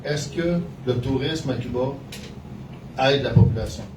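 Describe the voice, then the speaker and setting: A man's voice: mid-range voice, measured pace, crowd noise. A man with a Quebec French accent speaking informally as a political representative in a public discussion. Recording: echoey, noisy, distant microphone.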